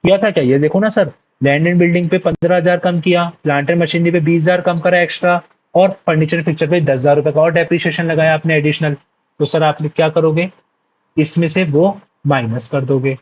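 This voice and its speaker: A man's voice: fairly high pitch, steady tone, fairly quick, muffled recording. A male accounts teacher giving an exam revision lecture. He keeps checking whether the students follow, answers "yes sir" for them and repeats each key point.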